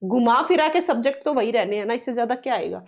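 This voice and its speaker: Casting note: high-voiced female teacher, exam-prep science class, repeats key terms, asks then answers her own questions. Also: lively intonation. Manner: coaxing, reassuring tone toward students; reads English question text slowly.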